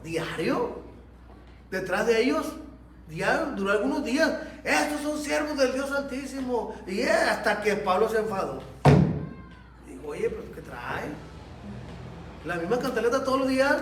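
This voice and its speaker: Male pastor, lively storyteller, echoey hall sound with faint background noise. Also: high voice. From Mexico. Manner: animated storytelling, speaks straight to the congregation. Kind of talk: Sunday school sermon. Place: church hall. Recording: echoey church room, mic at a distance.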